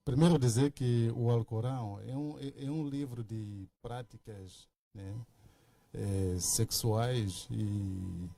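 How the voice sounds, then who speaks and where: A man's voice: mid-range voice, fairly even intonation, slow, creaky, warm tone. A man, a pastor in a religious debate, who argues with pointed rhetorical questions.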